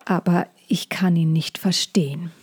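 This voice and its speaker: A woman voicing a worried female dragon in a storybook reading, speaking sharply or in a shaky hush. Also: on the low side, fairly even intonation, measured pace, husky. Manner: sharp at first, then trembling and hushed.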